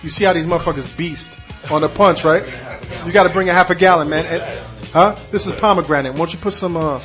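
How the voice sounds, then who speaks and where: A man's voice: on the high side, quick pace, a bit bright, faint music behind. A male podcast host in casual chat, brash and interrupting, ending lines with "man".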